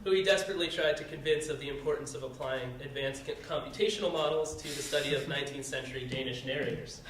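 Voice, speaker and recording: In a conference room, a man moderating a panel reads the speakers' bios aloud, frequently filling pauses with "uh." He talks fast with a mid-range, slightly bright voice and fairly even intonation. The recording is very echoey and distant, with a little hiss or hum.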